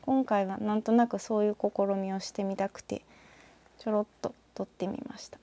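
A woman from northern Osaka with a Kansai accent, talking alone in a rambling, reflective way and often trailing off into soft asides. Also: medium pitch, fairly even intonation, moderate pace. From northern Osaka, Japan. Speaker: podcaster. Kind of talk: casual solo talk with a short reading.

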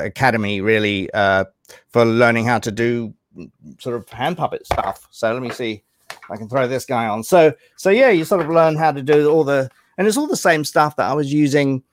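A man's voice: medium pitch, dry recording, clean studio sound. Chatty puppeteer guy in an interview, easygoing, lots of you-knows. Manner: chatty and easygoing, many fillers. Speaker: puppeteer guest. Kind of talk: casual interview chat.

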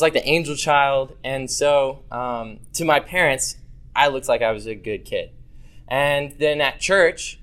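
A young man tells his faith story in an easygoing, conversational voice of middle pitch. He stops often for "uh" and "like", and acts out the voices of the people in his story as he goes. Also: a bit bright. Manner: casual, many fillers, acts out childhood dialogue. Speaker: youth ministry volunteer. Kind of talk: personal testimony storytelling.

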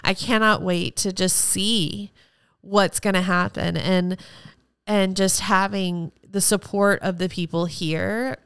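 A woman's voice: mid-range voice, steady tone, takes it slowly, a bit bright, smooth, no room sound, clean studio sound. A woman hosting her own podcast, talking alone in an effusive, rambling and emotional way. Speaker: podcast host; former teacher. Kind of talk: solo podcast monologue.

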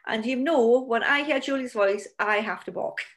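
A woman voicing an excitable pet dog who insists on barking for attention. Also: fairly high pitch, moderate pace, slight background noise, lightly acted. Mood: eager. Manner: eager, insistent.

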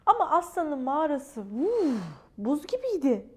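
A woman reads a children's story aloud with an expressive storyteller manner. Her voice sits high and swings lively, and she takes her time over each phrase. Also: a little slow. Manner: animated, expressive.

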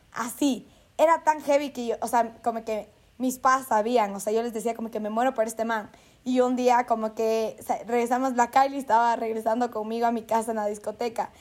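A woman's voice: a little high, a little mellow. Playful young woman hosting. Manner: playful, acts out quotes. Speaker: podcast host. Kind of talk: casual chat.

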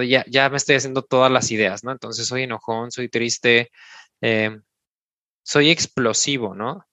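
A man's voice: medium pitch, bright, forceful tone, no room sound. A man with a Mexican accent, a podcast coach talking listeners through an exercise step by step, often tagging his sentences with a questioning "no?". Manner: explains step by step, tags sentences with "¿no?". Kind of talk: instructive podcast talk.

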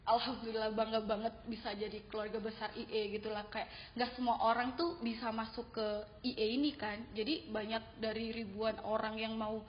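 A young woman student chats casually about her own story, her voice sitting somewhat high. She slips into animated quoted lines as she tells it. The recording is muffled, with a long reverb and a faint hiss behind it. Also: a little fast. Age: young adult. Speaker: university student guest. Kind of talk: casual interview chat. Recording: dull sound with long reverb and faint noise.

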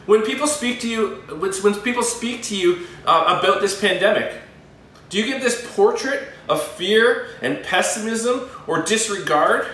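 A male pastor giving a sermon with earnest, emphatic pauses. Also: high-pitched, animated, a bit bright, a little hiss or hum. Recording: very echoey room, voice from a distance.

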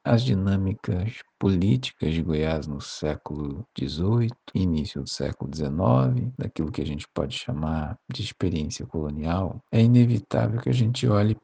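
A young adult man, a historian, explaining in a measured academic way. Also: low voice, animated, gravelly, dark tone, breathy edge. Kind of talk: explanatory interview clip.

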